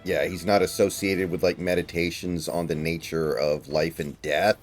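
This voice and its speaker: A man's voice: sits low, level tone, moderate pace, soft background music. A man streaming a video game, chatting casually in an analytical, rambling way with some swearing. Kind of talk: casual chat over gameplay.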